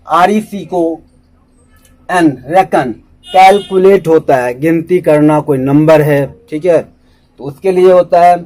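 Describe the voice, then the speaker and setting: A man with an Indian accent teaching English vocabulary in Hindi, spelling each word out and repeating it slowly. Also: sits high, a little mellow, poor audio.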